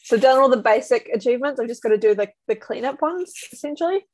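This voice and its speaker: A woman's voice: fairly high pitch, animated, fast talker, a little mellow, no echo, low-quality recording. A woman in a casual gaming chat as one of a podcast panel.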